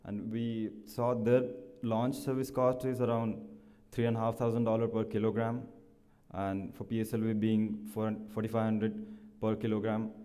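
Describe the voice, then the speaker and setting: A man presenting a startup, answering questions at a pitch competition in halting, explanatory, slightly non-standard English. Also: level tone, dark tone. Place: large conference hall. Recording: echoey hall, long reverb.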